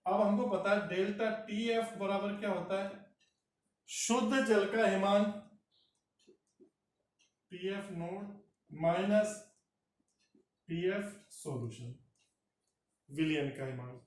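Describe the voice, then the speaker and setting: A man teaching chemistry, working a problem step by step and doing the arithmetic aloud. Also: sits high. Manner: slow, talks through arithmetic aloud. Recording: roomy echo from far off the mic.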